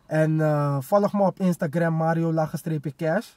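A man's voice: on the high side, a little slow, mellow, no room sound, clean studio sound. A young man chatting casually and telling personal stories in street slang mixed with English, with repeated filler phrases. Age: young adult. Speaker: rapper, guest. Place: inside a parked car.

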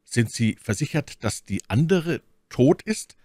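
A man's voice: mid-range voice, sing-song, measured pace, a little mellow, dry recording, voice pushed up. A man voicing a hot-blooded young man who speaks with urgency and emphasis. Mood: urgent.

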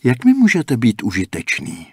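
A man's voice: medium pitch, wildly swooping pitch, slightly rough, no room sound, studio quality, pitched above the performer's own voice, heavily acted. A man voicing an exasperated young athlete. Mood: irritated, impatient. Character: impatient young male athlete. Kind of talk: audiobook character voicing.

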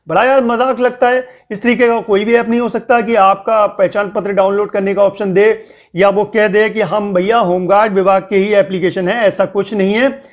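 A man's voice: sits high, steady tone, moderate pace. A young man hosting a casual spoken news update, warning his viewers and scolding them with repeated pleas. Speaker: news channel host.

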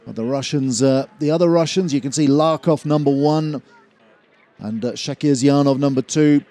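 A man commentating on a cross-country ski race, measured and full of fillers, rising in energy near the finish. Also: mid-range voice, mellow. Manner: measured, hesitant with frequent fillers, builds at the finish. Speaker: sports commentator.

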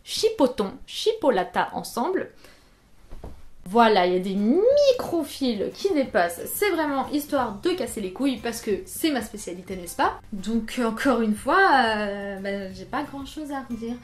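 A young French woman, a fashion YouTuber, chats casually while trying on clothes from a haul, joking and poking fun at herself. Her voice sits high and echoes around an indoor room lit by artificial lights.

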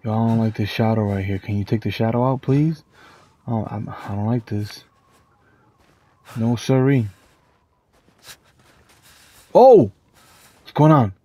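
A man's voice: on the low side, steady tone, moderate pace, pauses often, dark tone. A young man giving casual, slangy commentary while playing a horror game, jumpy and easily spooked. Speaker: gaming streamer. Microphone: headphones with mic.

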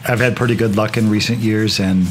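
A man explaining swarming while working his beehives in a grassy yard, in a relaxed manner with frequent restarts. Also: lowish voice, brisk, slight background noise. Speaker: beekeeper, channel host. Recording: outdoor recording with insect buzz behind.

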